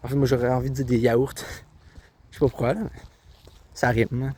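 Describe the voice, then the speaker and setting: A man's voice: mid-range voice, little pitch movement, fairly quick, warm tone, a little hiss or hum. A young man with a Québécois accent chatting casually as he walks a country trail, filming himself on a handheld tablet, rambling and poking fun at himself. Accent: Québécois French. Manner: rambling, chatty, self-mocking. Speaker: vlogger. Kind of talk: casual walking vlog. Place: outdoors, countryside trail by a river and road. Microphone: handheld tablet camera. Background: faint outdoor ambience, birds and passing cars.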